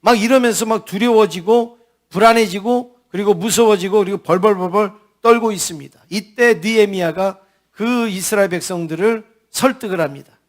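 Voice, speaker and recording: A man's voice: high-pitched, normal speed. A man preaching a sermon as a pastor, asking the congregation questions as he goes. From South Korea.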